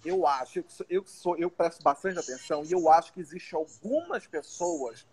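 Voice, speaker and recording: A man from Belém chats with his guest as interviewer, animated and talkative. His voice is high and husky, with a breathy edge. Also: moderate pace. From Belém, Brazil. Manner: chatty, animated storytelling. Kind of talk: conversational interview.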